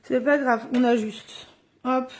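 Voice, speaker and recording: A woman's voice: sits high, steady tone, takes it slowly. A middle-aged woman running a live card-making tutorial, chatty and thinking aloud as she works, filmed indoors on a phone on a stand. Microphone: phone or camera on a stand.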